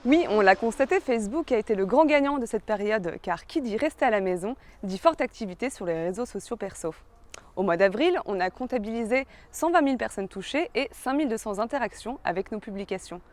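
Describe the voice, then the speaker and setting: A woman's voice: a little high, animated, fairly quick. A woman giving a scripted corporate presentation as a social media presenter.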